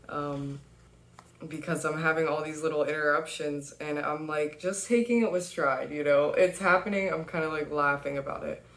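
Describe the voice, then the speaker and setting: Slow, low-voiced woman reading tarot. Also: a bit bright, reverberant. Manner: chatty, laughs easily, many fillers. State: has the hiccups. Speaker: tarot reader. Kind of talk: casual spoken tarot reading.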